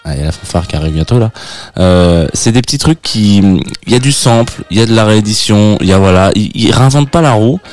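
Low-voiced, hesitant male radio host. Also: animated, quick pace, darkish tone, faint music behind. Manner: hesitant, many restarts while searching for words. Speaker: radio host presenting records. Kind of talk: casual on-air chat. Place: radio studio.

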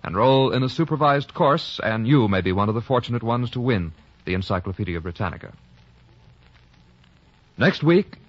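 An American man works as an old-time radio announcer on a vintage broadcast, delivering lines in a formal, measured style. His voice is medium-pitched, and the recording is muffled but has no echo.

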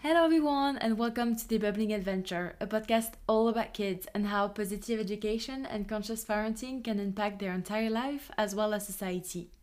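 A woman's voice: medium pitch, a little fast, hardly any pauses, darkish tone. A woman hosting a podcast who introduces the show and greets her guest in an upbeat, enthusiastic way. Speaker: podcast host.

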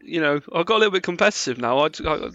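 Bright-voiced man, wry quiz contestant. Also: fairly high pitch, animated, quick pace, muffled recording, a little hiss or hum. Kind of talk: casual podcast chat.

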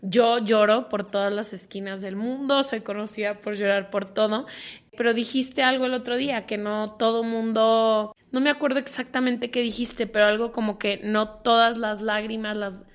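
A woman hosts a podcast with a fairly high voice. She chats openly and personally, sharing her own stories with her guest. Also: steady tone, normal speed. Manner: chatty, personal, heartfelt. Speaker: podcast host. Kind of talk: interview conversation.

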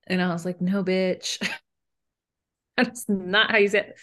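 A young woman co-hosting a podcast in casual chat, animated, with lots of "like" and "um". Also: medium pitch, slow. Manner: animated, frequent "like" and "um", laughs between lines. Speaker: podcast co-host.

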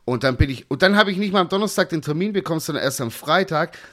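Fast-ranting man with a raised voice. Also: fairly high pitch. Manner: animated, ranting storytelling with slang and swearing. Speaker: podcast co-host. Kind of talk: casual chat.

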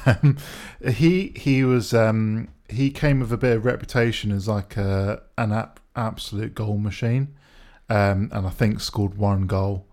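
A man's voice: on the low side, steady tone, measured pace, few pauses, a little mellow. Guy chatting on a podcast, lots of ums, laughs a bit. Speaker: podcast co-host. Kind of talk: casual chat.

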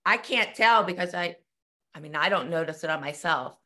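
A woman's voice: fairly low pitch, normal speed, bright, forceful tone. A middle-aged woman from Pittsburgh with a strong Pittsburgh accent, chatting and telling stories as a podcast co-host. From Pittsburgh, USA. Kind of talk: casual chat.

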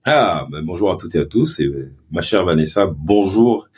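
A man with a Marseille accent, a former pro footballer, telling stories in a lively, animated way during a casual podcast interview. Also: sits low, normal speed, breathy edge. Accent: Marseille French. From Ivory Coast and Marseille. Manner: animated, lively storytelling with many restarts. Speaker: guest, former pro footballer turned sports marketing agency head.

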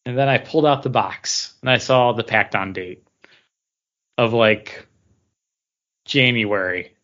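A podcast co-host trades casual banter in a mid-range voice at a measured pace. He tells stories with animation and acts out bits of dialogue. The sound is lo-fi.

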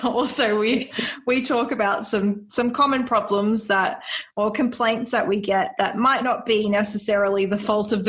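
A woman hosts a cooking podcast in a chatty, bubbly way, laughing often between her points. Her voice is medium-pitched and a bit bright, and the talk is casual podcast chat.

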